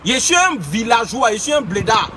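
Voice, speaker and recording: A man's voice: very high-pitched, sing-song, normal speed, bright, forceful tone, a little hiss or hum. A young man from Côte d'Ivoire with an Ivorian French accent, ranting indignantly as a blogger in a heated vlog full of street slang.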